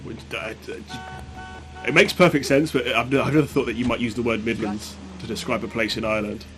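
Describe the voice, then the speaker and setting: A man's voice: medium pitch, steady tone, normal speed, fairly bright tone, soft background music. A man streaming a game speedrun and chatting casually with viewers as he plays. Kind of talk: casual live gameplay chat. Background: game sound and ambience.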